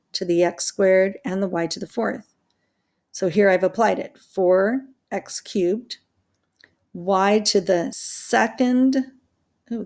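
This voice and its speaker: A woman walks through a math worksheet in a relaxed teaching voice with a creaky, gravelly edge. She is chatty and self-deprecating, joking about her own mistakes as she explains each step. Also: medium pitch. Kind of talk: recorded worksheet walkthrough lesson.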